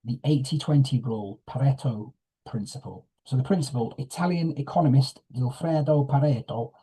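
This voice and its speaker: Dark husky man teaching casually. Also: mid-range voice, expressive, fairly quick, poor audio. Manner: chatty, keeps asking "isn't it?". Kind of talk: informal lesson reading from slides.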